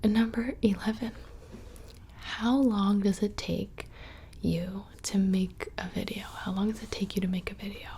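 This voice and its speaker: A woman's voice: medium pitch, level tone, a little slow, dark tone, slight background noise. A young woman whispering casually and close to the microphone, rambling through questions in an ASMR video. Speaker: ASMR creator. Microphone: close studio microphone.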